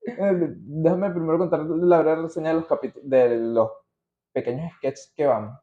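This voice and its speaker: A man with a Venezuelan accent hosts a podcast, speaking at a normal speed in a fairly high voice. He reads casually from his notes, slangy and prone to digressions, and the recording sounds muffled and roomy.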